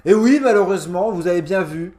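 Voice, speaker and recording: A man's voice: high voice, brisk, a little mellow. A man hosting a casual, sarcastic game review in a mocking, slangy and emphatic manner. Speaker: gaming video host.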